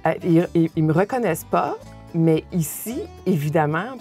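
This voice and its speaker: A woman's voice: fairly low pitch, animated, normal speed, dark tone, soft background music. A woman with a Québécois accent answering casually and emphatically.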